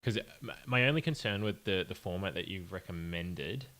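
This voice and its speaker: A man's voice: low-pitched, expressive, moderate pace, bright, forceful tone. A young man streaming as an indie game developer, muttering and thinking aloud in a casual, apologetic way. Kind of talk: casual live-stream chat while coding.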